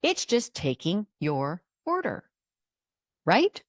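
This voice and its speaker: An emphatic woman gives a motivational podcast monologue as a life coach and leans hard on repeated key words. Her pitch moves in a lively way, and the recording is dry and close with no room sound. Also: slow, no room sound.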